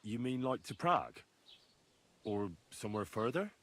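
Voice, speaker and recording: An actor playing a wry young male soldier in a game, asking lively questions. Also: medium pitch, normal speed, close to an everyday voice. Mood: curious.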